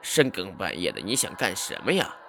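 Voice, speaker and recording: A man voicing an irritable, secretive elderly great-uncle in a storybook tale, grumbling low and impatient. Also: huge pitch swings, brisk, gravelly, fairly bright tone, a little hiss or hum, exaggerated voice. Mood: sleepy, impatient.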